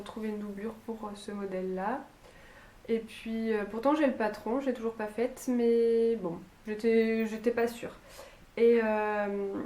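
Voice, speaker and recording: A woman's voice: on the high side, mellow. Chatty young woman, Lille accent, echoey room. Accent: Lille, northern France. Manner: chatty, hesitant, many fillers and restarts. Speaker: sewing and knitting vlogger. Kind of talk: casual chat to camera. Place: room at home with a bay window.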